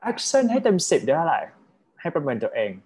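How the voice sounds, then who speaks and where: A man tutoring a student over a video call, giving gentle, encouraging feedback and dropping English terms into his talk. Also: fairly high pitch, very animated, a little fast, breathy edge. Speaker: IELTS speaking tutor. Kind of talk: casual online tutoring feedback.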